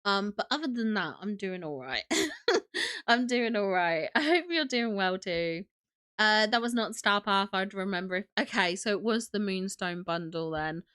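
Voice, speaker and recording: A woman's voice: mid-range voice, sing-song, measured pace, a bit bright, clean tone. A young woman hosting a casual livestream, sniffly from a cold, gushing and chatty as she greets viewers. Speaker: livestream host.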